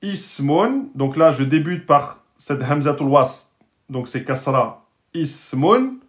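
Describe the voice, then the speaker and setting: Slow, patient male Arabic teacher. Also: mid-range voice. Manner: patient, checks in often with "d'accord?" and "hein?"; sounds out Arabic words slowly and repeats them. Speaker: Arabic and Quran reading teacher. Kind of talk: explanatory lesson to French-speaking learners.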